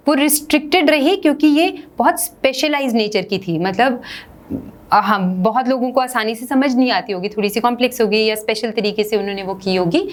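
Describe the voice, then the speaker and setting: A woman, an English teacher in an online exam-prep lesson, who reads English text slowly and then explains it in casual, chatty Hindi. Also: fairly high pitch.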